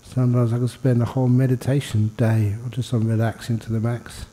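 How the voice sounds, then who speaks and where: In a large indoor meditation hall, a mellow-voiced Buddhist monk who teaches meditation talks listeners through a guided session. His mid-range delivery is flat, and his informal guidance moves slowly, broken by pauses and touched with mild humor.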